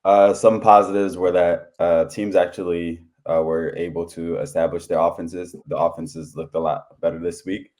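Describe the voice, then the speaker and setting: A man's voice: low-pitched, level tone, normal speed, hardly any pauses, darkish tone. A man co-hosting a sports podcast, giving casual analysis of games. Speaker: podcast co-host.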